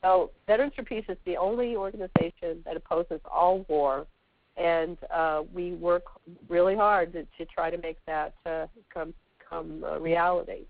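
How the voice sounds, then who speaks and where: Female call guest, scratchy sore-throat voice, halting and searching for words, dry tinny phone audio. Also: fairly low pitch, fairly even intonation, no room sound. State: sore throat, sneezing and sniffly with a cold. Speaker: guest speaker, veterans' organization representative. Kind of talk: answering questions on a conference call. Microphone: telephone. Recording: tinny, narrowband phone line.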